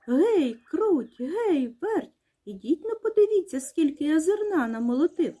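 A woman's voice: sits high, sing-song, measured pace, dark tone, pitched above the performer's own voice. A woman calling out as a hardworking storybook rooster. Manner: calling out, asking questions. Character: hardworking patient little rooster. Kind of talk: children's fairy-tale reading.

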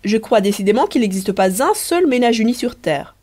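A woman's voice: a little high, lively intonation, a little fast, a little mellow, pitched above the performer's own voice. A woman reading the part of a naive society widow who speaks earnestly.

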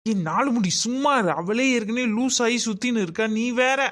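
A woman's voice: a little high, brisk, heavy background noise, lightly acted. A woman playing a bossy village woman in a comic skit, scolding and ordering the others about.

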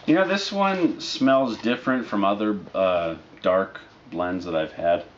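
A man in his thirties chatting casually to camera as a reviewer, in a laid-back, halting, unscripted way. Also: on the low side. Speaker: product reviewer. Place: living room, indoors, on a couch. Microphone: camera mic a short distance away. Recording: dull lo-fi audio with noticeable background noise.

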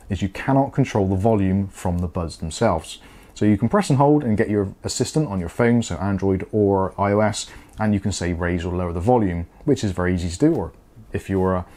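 Indoors in a small home studio room, a British man in his forties reviews a product to camera, conversational and casual, explaining as he goes. His voice is on the low side with a warm tone.

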